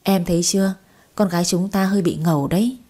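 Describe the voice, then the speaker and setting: A woman plays a calm, reasonable husband and father. He speaks evenly, in a mellow, husky voice. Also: lowish voice, fast talker, lightly acted.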